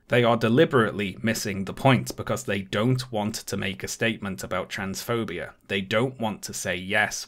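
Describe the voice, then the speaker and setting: A man with a fairly low voice talks through a scripted video essay. His tone is sarcastic and indignant, and he leans hard on key words as he makes his case. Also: fairly bright tone. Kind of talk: scripted commentary.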